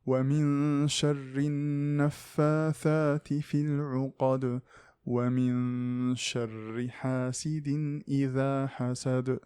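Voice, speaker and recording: A man giving a slow, measured Quran recitation. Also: medium pitch, clear, resonant tone, no echo, studio quality. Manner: measured, even chanting.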